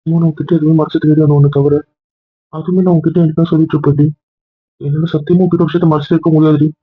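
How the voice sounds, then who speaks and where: A man's voice: fairly high pitch, flat delivery, racing, husky. A man in a couple's argument vlog, pleading and apologizing to his partner. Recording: tinny phone-like sound, dry, faint music.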